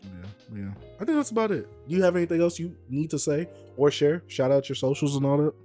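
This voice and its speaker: Animated argumentative man on stream. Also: on the high side, brisk, soft background music. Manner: animated, argumentative, repeats himself. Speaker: streamer host. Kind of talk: casual stream chat.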